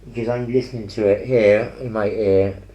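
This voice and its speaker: A man hosting a painting ASMR video, mumbling and rambling softly while he paints, speaking into an earpiece mic. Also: on the low side, steady tone, moderate pace. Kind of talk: soft-spoken casual chat while painting. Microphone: earpiece headset mic. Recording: roomy with faint ambience.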